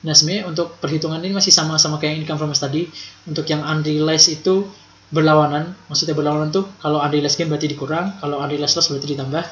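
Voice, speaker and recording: Talking fast in a steady, somewhat bright tone, a young man with a fairly high voice gives an informal accounting tutorial. He keeps it colloquial and repeats the key points, while the recording has roomy echo, a dull lo-fi sound and faint noise.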